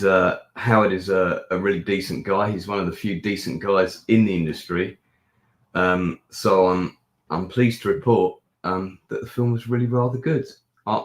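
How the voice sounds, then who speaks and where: A film reviewer and channel host, hoarse and ill with a sore throat, rambles through a casual live-stream review chat with many ums, pauses and restarts. His low voice sounds croaky, and the room is echoey.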